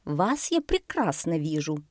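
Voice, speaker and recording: A woman voicing a grand, unhurried old grandmother boa who speaks in a measured way. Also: sits low, big pitch swings, no room sound, clean studio sound. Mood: stately. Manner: stately, measured.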